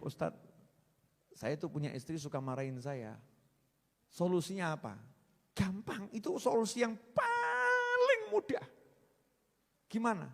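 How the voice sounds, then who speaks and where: A preacher delivers a humorous sermon in a high, lively voice. He jokes with the crowd and slips easily between registers. The sound rings out with the long reverb of a large hall. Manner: joking, lively, mixes Javanese into Indonesian.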